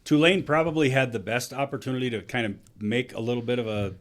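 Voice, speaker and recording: A man's voice: medium pitch, fast talker. Male podcast co-host, blunt opinionated sports talk, mid-range voice. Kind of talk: casual sports chat.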